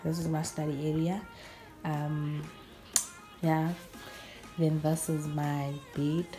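A young woman from South Africa with a husky morning voice, chatting casually as she gives a room tour. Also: sits low, little pitch movement, takes it slowly, dark tone, soft background music. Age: young adult. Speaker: YouTuber. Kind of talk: casual vlog.

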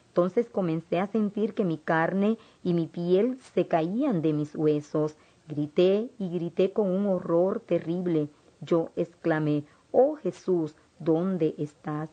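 A woman with a fairly low voice earnestly reads a first-person religious testimony aloud. The sound is muffled and lo-fi. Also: darkish tone. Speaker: narrator. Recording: dull lo-fi recording.

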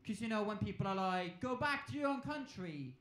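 Echoey, noisy club sound surrounds a Norwegian comedian in his 20s performing live with a handheld mic. He speaks briskly and expressively in a high, fairly bright voice, keeping it conversational as he playfully plays out little dialogues.

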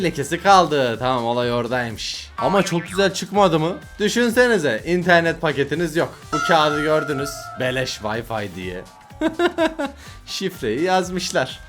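Male reaction host, animated and exclaiming, very lively pitch, soft music bed underneath. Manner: animated, exclaiming, groaning at mishaps. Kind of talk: casual reaction commentary.

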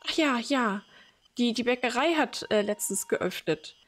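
A woman's voice: fairly high pitch, unhurried, voice pushed up, close to an everyday voice. A woman voicing an elderly mother who is sweet, doting and forgetful, reading a game's dialogue aloud. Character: confused elderly mother, gentle then frightened.

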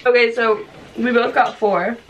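A woman's voice: fairly high pitch, fairly even intonation, a little slow, muffled recording, a little hiss or hum. A young adult woman hosting a casual challenge video indoors, bantering in a bossy, teasing way into a camera mic. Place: indoors, small room.

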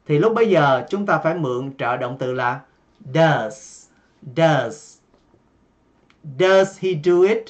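A man teaching an English lesson, explaining slowly with many fillers and repeating example questions with a rising tone. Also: a little high, a bit bright. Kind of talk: recorded online lesson. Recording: dull lo-fi recording.

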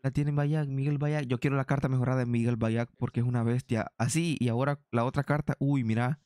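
A young man doing excitable play-by-play of his own football video game match for viewers. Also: mid-range voice, brisk, no room sound. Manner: excitable, addresses viewers as "señores", shouts at big chances. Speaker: gaming YouTuber.

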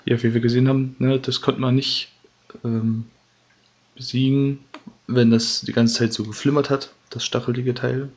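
A man giving gameplay commentary, eagerly urging the game on with quick repeated calls. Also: mid-range voice, little pitch movement, breathy edge. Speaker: let's play gamer. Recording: loud game music behind.

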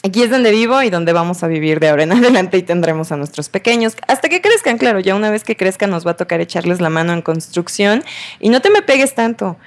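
A woman's voice: mid-range voice, lively intonation, quick pace. A woman giving playful, chatty let's play commentary as a gamer, talking to the game's characters in a teasing role-play.

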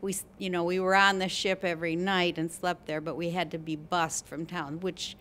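A woman's voice: fairly low pitch, flat delivery, normal speed, a bit bright, a little hiss or hum. An older woman in the audience telling a travel story in a casual, chatty way. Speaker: audience member. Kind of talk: casual chat. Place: library meeting room. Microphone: far camera.

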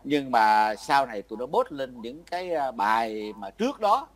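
A man's voice: medium pitch, sing-song, moderate pace, a crowd in the background. An older man from Vietnam, chatting casually as an interviewee, rambling and breaking off with frequent laughs. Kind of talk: casual chat.

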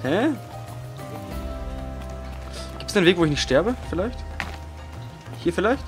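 A man giving casual commentary over his own gameplay. He is excitable, swears often, and swings between quiet mumbling and loud outbursts. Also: sits high, brisk, music in the background. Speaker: let's play gamer.

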